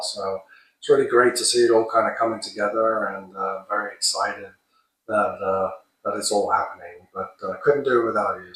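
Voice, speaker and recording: A man in his fifties gives a casual, relaxed introduction of himself, pausing often with filler words. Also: lowish voice. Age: 50s. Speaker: creator of a crowdfunded project. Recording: roomy echo, mic at a distance.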